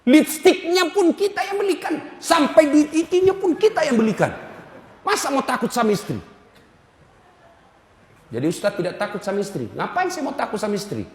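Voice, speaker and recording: A man's voice: very high voice, very animated, moderate pace. A male Islamic preacher giving a humorous sermon, teasing and calling out to his audience. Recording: echoey hall reverb.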